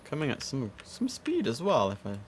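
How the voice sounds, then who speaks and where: A man with a mid-range voice and huge swings in pitch talks at a moderate pace. Playing air traffic controller on a live stream, he gives relaxed commentary, partly to himself, sometimes lapsing into clipped controller phraseology.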